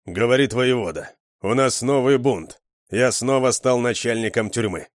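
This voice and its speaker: A man voicing a commanding middle-aged prison warden who speaks brisk orders. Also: medium pitch, no echo, studio quality, lightly acted.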